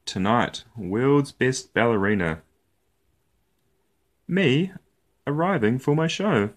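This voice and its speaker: Reading a picture book for young kids, a man uses a mid-range voice and an expressive storytelling style, phrasing things deliberately and playfully.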